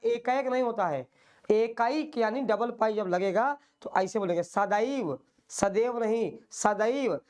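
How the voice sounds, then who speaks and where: A man's voice: high voice, a little mellow. A male teacher giving an online exam-prep lecture, patiently explaining and drilling by repeating questions and answers.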